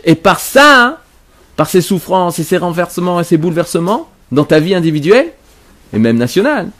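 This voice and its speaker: This Torah teacher's voice is slightly high as he leads a class through a religious lesson. Emphatic and explanatory, he keeps going back over his words, repeating and restarting phrases.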